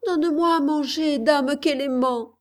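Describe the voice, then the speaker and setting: A woman voicing a frightened, hungry little girl in a folk tale, crying out high and pleading. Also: a little slow.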